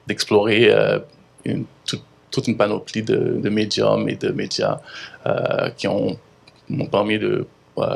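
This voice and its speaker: Gravelly Haitian man, halting. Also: lowish voice. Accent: Haitian French. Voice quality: gravelly, husky. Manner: halting, many fillers and restarts. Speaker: visual artist. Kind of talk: hesitant interview answers.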